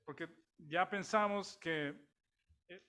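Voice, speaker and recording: A man's voice: high voice, takes it slowly, pushed and bright. A man with a Mexican accent preaching a sermon in a conversational way, with many restarts and rhetorical questions to the congregation.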